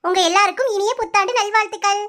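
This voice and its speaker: A woman in a squeaky, chirpy put-on voice signing off a cartoon channel and wishing viewers well. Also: fairly even intonation. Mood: cheery. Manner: bright, chirpy, rushed. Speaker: channel host outro.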